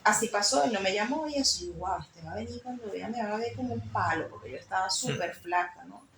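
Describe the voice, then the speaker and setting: Gravelly woman telling her testimony. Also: medium pitch, animated, fast, noisy background. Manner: emotional, storytelling with frequent fillers. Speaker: guest sharing testimony. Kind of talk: personal faith testimony. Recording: echoey room with faint ambience.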